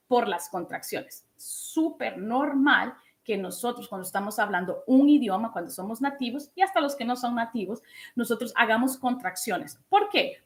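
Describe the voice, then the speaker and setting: A woman in her thirties giving a casual online English lesson in a lively, chatty way, often asking her listeners questions. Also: fairly high pitch. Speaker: English teacher.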